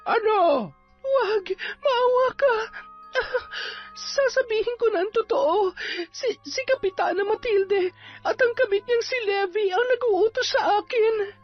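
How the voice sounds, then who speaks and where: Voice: very high voice, fairly even intonation, drawn-out words, long pauses, lo-fi sound, voice pushed up, full character voice. A performer voicing a possessed young woman, frantic and tearful, raving as if a spirit speaks through her. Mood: pleading, tearful. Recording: band-limited audio with music behind.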